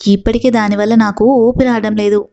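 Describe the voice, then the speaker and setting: Bossy, lecherous village landlord voiced by a female narrator, gruff and scolding, mellow tone, slightly muffled audiobook sound. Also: medium pitch, level tone, brisk, close to an everyday voice.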